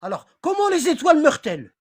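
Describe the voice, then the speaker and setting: A high, sing-song, fast voice leads an informal online religious class. The teacher reads aloud and then comments, repeating phrases, rambling, and frequently asking if everyone is following along.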